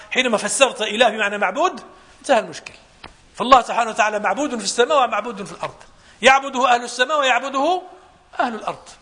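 A man's voice: high voice, bright, forceful tone. A man with a Moroccan accent, a preacher giving a Quranic exegesis lesson. He explains with rhetorical questions and mixes classical Arabic with dialect.

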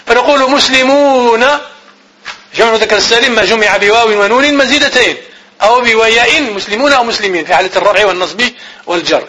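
High quick husky teacher. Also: male voice, bright, forceful tone, poor audio. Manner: repeats definitions slowly as if dictating; asks questions of students and answers them himself. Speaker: Arabic grammar teacher. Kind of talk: classroom grammar lecture.

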